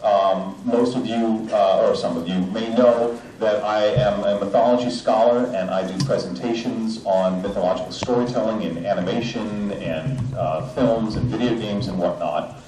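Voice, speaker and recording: Through a handheld mic patched into a big convention hall's speaker system, a voice actor jokes and chats his way through fan questions, full of filler sounds. His voice is on the low side, steady, and at normal speed. Heard from a distance, it echoes off the hall amid the crowd, with clipping fuzz and slight background noise.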